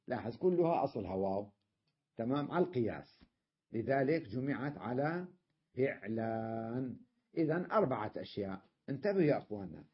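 A grammar teacher, male, takes his class through the material stepwise, often pausing to confirm everyone is following. His voice sits at medium pitch with a breathy edge, captured in dull audio.

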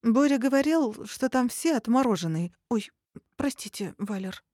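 A woman's voice: on the high side, expressive, normal speed, mellow, no echo, clean studio sound. A woman voicing a shy, earnest young female trainee hunter in an audiobook. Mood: hesitant.

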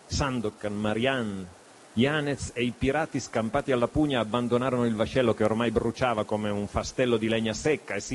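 A man reading an adventure novel aloud as an audiobook, with an expressive delivery that shifts his voice for the dialogue. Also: medium pitch, a little hiss or hum. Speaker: audiobook reader. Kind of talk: dramatic literary reading.

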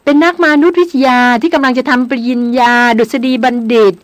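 A woman's voice: sits high, a little fast, no room sound, natural voice. A woman reading the lines of a grown male hunter, who talks politely and evenly. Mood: calm teasing. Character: grown male jungle hunter, calm and teasing.

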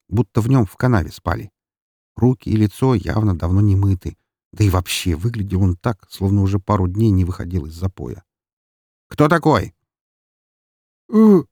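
A man reading an adventure audiobook as narrator, with expressive storytelling delivery. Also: lowish voice, no echo, clean studio sound.

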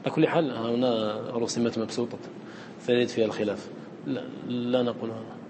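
Fast-talking man teaching recitation. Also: mid-range voice, little pitch movement, long reverb tail, noisy background. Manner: quizzes listeners often, repeats points. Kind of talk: lecture to students.

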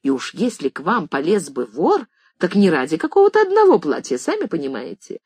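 The reader voicing an agitated wealthy lady who scolds her maid, speaking in a higher, shrill and indignant way. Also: very animated, moderate pace, a little mellow, slightly rough, dry recording, clean studio sound. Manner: flustered, then shrill and indignant.

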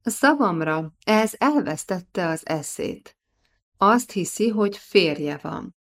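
A woman's voice: mid-range voice, expressive, natural voice. A woman reading an audiobook, voicing a bossy, scornful middle-aged noblewoman who talks down to a young mother. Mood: scolding. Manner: scolding, haughty.

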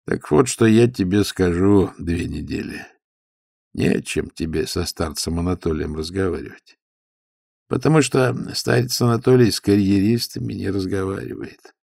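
A man voicing a gruff, sharp-tongued monastery stoker who scolds and mocks. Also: deep voice, normal speed, no room sound, clean studio sound. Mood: stern. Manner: rough, scolding, mocking.

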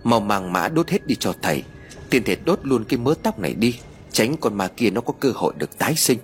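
A man's voice: on the low side, very animated, fairly quick. Man playing a stern boastful exorcist master. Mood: commanding. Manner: commanding, boastful. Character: stern arrogant male exorcist master, middle-aged.

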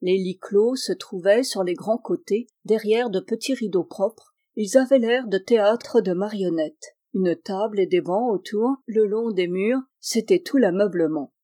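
Woman reading a novel out loud, warm mellow voice, calm and expressive. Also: mid-range voice, measured pace, hardly any pauses. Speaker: audiobook reader. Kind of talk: literary audiobook narration.

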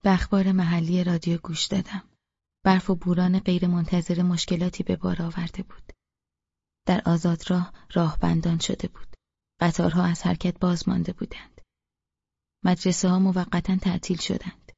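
A woman reading a novel aloud in first person, in a hushed, half-whispered voice. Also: on the low side, monotone, creaky, breathy edge, dry recording, lo-fi sound. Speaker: audiobook narrator.

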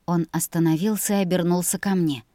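A woman narrating a first-person audiobook story in an expressive storytelling manner. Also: on the low side, brisk, dry recording, studio quality.

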